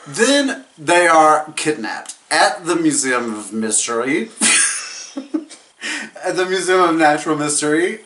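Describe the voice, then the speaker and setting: Hosting a drunk movie review, a man with a slightly high, fairly bright voice recaps a film for laughs. He rambles, giggles, swears and keeps losing track of the characters' names.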